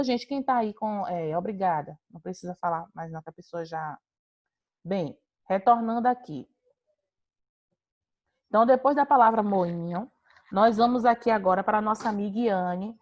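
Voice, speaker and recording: A woman's voice: fairly high pitch, darkish tone. A woman teacher giving an online class over a video call, explaining patiently, repeating points and calling on students by name.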